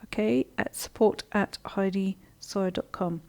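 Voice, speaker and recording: A woman's voice: medium pitch, steady tone, normal speed, creaky. A woman hosting a live online coaching session, talking casually with lots of ums and restarts as she reads and answers viewer comments. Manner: chatty, warm-hearted, many ums and restarts.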